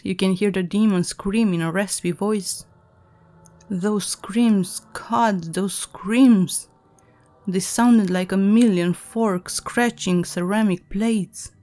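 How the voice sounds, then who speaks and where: A woman reading a scripted horror story aloud, dramatic and measured in her delivery. Her voice sits at an ordinary middle pitch. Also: a little mellow. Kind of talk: scripted narration.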